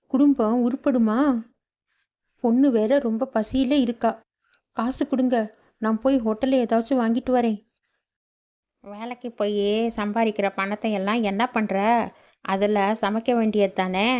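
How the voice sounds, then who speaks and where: A weary cartoon mother who works as a maid, as a woman voices her. She talks earnestly and soothingly in a fairly high voice, on a slightly dull recording. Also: mellow, natural voice. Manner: earnest, reasoning and reassuring. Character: poor weary mother, a housemaid.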